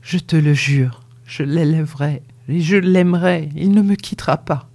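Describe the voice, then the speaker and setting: An audiobook reader voicing a grief-stricken young man at a deathbed, speaking in a hushed and shaken way. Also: medium pitch, fairly even intonation, moderate pace, dry recording, natural voice. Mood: grieving. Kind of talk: audiobook reading.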